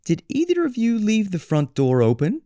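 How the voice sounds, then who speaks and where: A man's voice: sits high, huge pitch swings, moderate pace, mellow, no room sound, studio quality, pitched above the performer's own voice. A man voicing a motherly, proper and puzzled grown female bear in a children's storybook. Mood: surprised.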